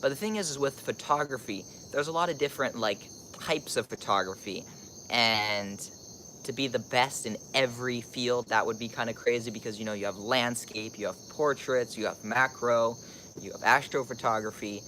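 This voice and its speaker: A man's voice: medium pitch, moderate pace, pushed and bright, slight background noise. A teenage young man from Costa Rica chats casually as a live-streaming vlogger, rambling and thinking aloud with lots of filler "like"s.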